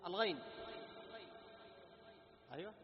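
A man teaching tajweed to students, explaining letter sounds, quizzing them, and chanting verses slowly as examples. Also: sits high, animated. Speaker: Quran recitation teacher. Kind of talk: tajweed lesson with recited examples. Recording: echoey hall, muffled, noisy.

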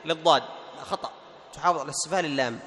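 A man teaching Quran recitation rules, asking and answering his own questions and slowly reciting examples. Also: a little high, fairly bright tone. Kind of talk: tajweed lesson with recited examples. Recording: long hall reverb.

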